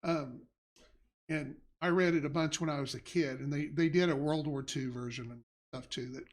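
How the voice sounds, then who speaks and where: A man's voice: on the high side, steady tone, moderate pace. Rambling man hosting a casual live show. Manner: rambling, lots of restarts and fillers. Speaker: game company head and show host. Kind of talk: casual livestream chat.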